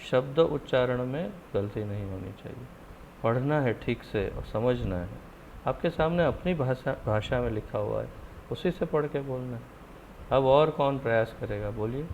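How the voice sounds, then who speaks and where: A man's voice: mid-range voice, moderate pace, creaky, a little mellow. A man teaching an online scripture class, firm and encouraging as he corrects and urges his students. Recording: muffled online call audio with faint noise.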